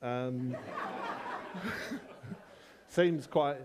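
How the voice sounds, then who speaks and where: A man preaching a sermon in a relaxed, conversational way, halting often and telling personal stories with self-deprecating humour. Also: mid-range voice, noisy background.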